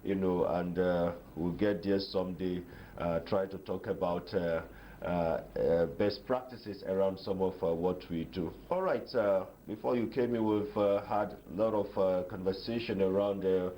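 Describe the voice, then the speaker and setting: A man with a Nigerian accent anchoring live election coverage off the cuff, speaking haltingly with many filled pauses. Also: low-pitched, steady tone, warm tone, a little hiss or hum. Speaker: news anchor.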